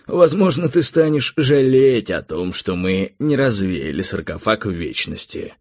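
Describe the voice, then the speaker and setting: A man voicing a calm, weary male tiger spirit who speaks gravely and matter-of-factly in an audiobook. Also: on the low side, measured pace, no room sound, clean studio sound. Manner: quiet, grave, matter-of-fact. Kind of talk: audiobook character reading.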